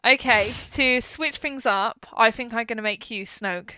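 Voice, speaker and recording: A woman's voice: a little high, a little slow, sharp tone, no echo. A woman hosting a fan podcast, leading the discussion in an upbeat way and reading passages aloud. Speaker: podcast host. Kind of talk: casual chat and reading aloud. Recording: dull, dry home mic.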